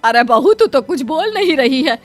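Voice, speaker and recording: A woman's voice: high-pitched, very animated, moderate pace, faint music behind. A woman voicing a bossy, scolding middle-aged mother-in-law in a cartoon story.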